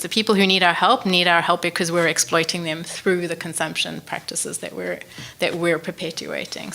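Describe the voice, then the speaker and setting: A woman's voice: on the low side, gravelly, bright, forceful tone. A woman panelist answering an audience question bluntly and emphatically in a lecture room. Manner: blunt, emphatic, quick to push back.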